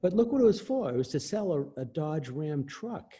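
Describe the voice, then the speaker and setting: A man with a dark, husky voice speaks as an interview guest. He explains things emphatically, with frequent laughs. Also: a little high, sing-song, moderate pace. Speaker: interview guest, copyright expert. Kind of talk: explanatory casual talk.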